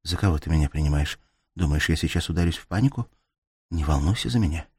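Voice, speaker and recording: A man reading the part of a young woman friend, drowsy and quietly frightened, with a soft grumbling delivery. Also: very deep voice, fast, breathy edge, dry recording, studio quality, heavily acted. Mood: hushed.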